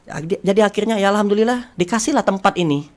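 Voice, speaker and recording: A lively, slightly high-voiced male storyteller. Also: fast. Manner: acts out dialogue, swinging pitch and loudness. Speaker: guest telling his story. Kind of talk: animated storytelling on a talk show.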